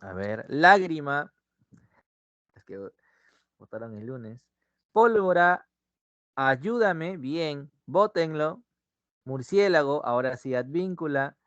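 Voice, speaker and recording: A man's voice: fairly high pitch, lively intonation, no room sound. A man teaching an online language class with a Peruvian Spanish accent, drawing out his words and checking in with the students as he goes. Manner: drawn-out teacher's delivery, checks in with "¿no?" and "ujú". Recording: dull muffled sound, dry close mic.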